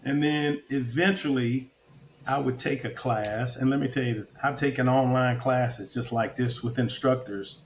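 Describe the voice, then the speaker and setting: A man's voice: mid-range voice, steady tone, moderate pace, roomy sound, a little hiss or hum. An older man talking casually as a podcast guest, giving advice and telling stories with acted-out quotes and lots of fillers. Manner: storytelling with quoted voices, many fillers.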